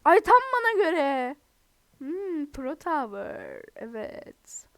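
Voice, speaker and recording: A woman's voice: high voice, sing-song, slow pace, vocal fry, no room sound. A young woman who is sick, giving chatty, giggly gameplay commentary to her viewers. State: sick, under the weather. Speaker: gaming video host.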